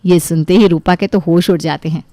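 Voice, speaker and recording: A woman narrating a cartoon story in a steady, plain storytelling manner. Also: fairly low pitch, fairly quick.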